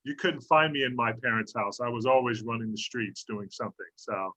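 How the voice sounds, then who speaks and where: A man hosting a casual video call chat, upbeat and chatty, quick to laugh. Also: mid-range voice, bright, forceful tone, rough recording. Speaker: host.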